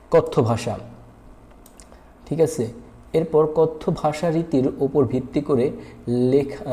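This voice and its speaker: This whiteboard grammar lesson comes from a male teacher with a mellow, medium-pitched voice. He asks and answers his own questions, patiently going over points again and again, with plenty of hesitation fillers.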